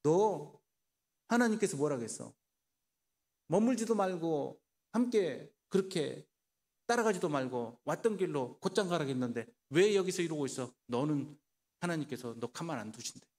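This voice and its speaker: A man voicing an older male prophet who coaxes a traveler to come and eat with him and later scolds him sternly. He speaks low. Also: expressive, normal speed, a little mellow, husky. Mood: scolding.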